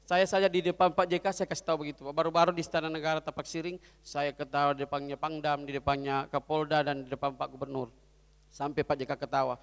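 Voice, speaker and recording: A man tells jokes to a corporate audience in a high, lively voice. He slips in and out of characters, dropping soft for some and shouting for others. The hall's long reverb trails after every line. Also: fast talker, gravelly. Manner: lively storytelling, swings between loud and soft voices for characters. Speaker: comedian. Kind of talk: stand-up jokes at a corporate event. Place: event hall.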